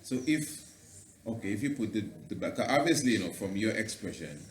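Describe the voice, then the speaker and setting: A man with a deep voice speaks as an interviewer in Rastafarian speech. He works toward his questions in long, repetitive loops. The room is echoey, with faint noise behind him. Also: lively intonation, brisk. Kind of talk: interview, casual theological discussion. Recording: roomy echo, faint background noise.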